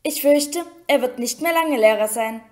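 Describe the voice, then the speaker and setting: A woman's voice: high-pitched, moderate pace, a little mellow, close to an everyday voice. A woman doing a smug drawling schoolboy. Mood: smug whining. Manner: drawling, mocking. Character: smug sneering boy wizard.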